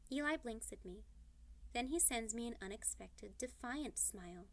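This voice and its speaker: A woman narrates a young adult novel aloud in the first person. Her voice is bright and forward with a gravelly edge. She reads in an expressive, playful way. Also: on the high side, moderate pace. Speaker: audiobook reader.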